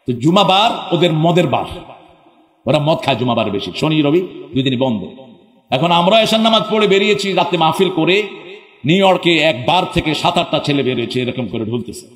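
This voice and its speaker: A man preaching a sermon to a crowd. He asks the crowd questions, answers them himself, and sometimes breaks into chanted phrases. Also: on the high side. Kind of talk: Islamic sermon at a public gathering. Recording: echoey hall with long reverb.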